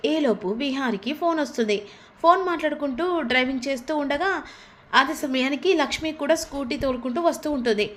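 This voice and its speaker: A woman's voice: high voice, fairly quick, a little hiss or hum. A woman casually retelling the events of a TV serial episode in a chatty storytelling manner. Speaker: story recapper.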